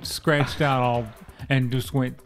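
A man's voice: mid-range voice, level tone, slow pace, soft background music. A man co-hosting a podcast, chatting casually with dry, teasing quips. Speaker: podcast co-host. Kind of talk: casual chat.

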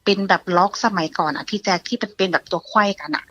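A young woman calling in by phone to tell a ghost story, talking fast and excitedly. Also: fairly low pitch, poor audio. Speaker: caller telling a ghost story. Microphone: phone line.

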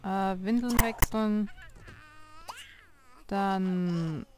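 A woman's voice: mid-range voice, very slow. A woman hosting a life-sim let's play, chatting casually, talking to her game characters and reading menu options aloud. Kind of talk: casual gameplay commentary. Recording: clear game music behind the voice.

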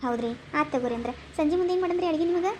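A chatty village aunty, voiced by a woman in a cartoon, talking in a North Karnataka accent. She rattles along very fast in a high voice, fussing over her guests. A faint noise sits under the voice. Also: warm tone, close to an everyday voice. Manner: rapid, fussing, reassuring. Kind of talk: cartoon comedy voice acting.

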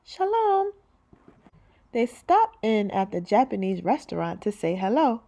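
A woman reading a children's picture book aloud, switching into high little voices for the greetings. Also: big pitch swings, moderate pace, gravelly, mellow, lo-fi sound.

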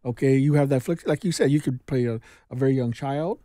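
Mellow-toned man co-hosting a podcast. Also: medium pitch, brisk, no room sound, clean studio sound. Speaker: podcast co-host. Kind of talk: casual interview chat.

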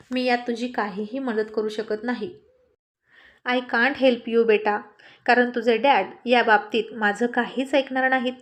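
A woman narrating a family love story, reading all the characters' lines herself in a light, conversational tone. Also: a little high.

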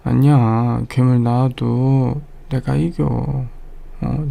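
A man in a whispered role-play, playing a caring boyfriend who soothes his girlfriend after a nightmare, speaking gently and softly into a close mic. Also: medium pitch. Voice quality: soft, breathy, dark and gravelly.

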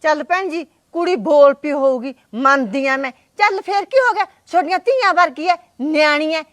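An actress playing a middle-aged mother of the household in a Punjabi short drama, pleading and placating in a gentle way. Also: high voice, moderate pace, dry recording.

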